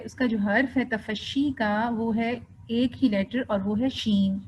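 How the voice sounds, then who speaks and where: A woman teaching a Quran recitation class online, patiently drawing out example words slowly and mixing English terms into her explanations. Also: on the high side, darkish tone. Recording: dull lo-fi with faint noise.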